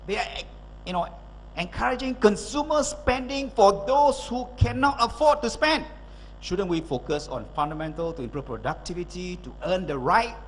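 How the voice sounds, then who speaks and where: A middle-aged man with a high, bright voice delivers an energetic speech on stage. His words carry the long ring of a big hall behind him, with a faint hum underneath. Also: moderate pace. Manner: energetic, emphatic, rhetorical questions. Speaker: motivational speaker and consultant. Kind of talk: public speech.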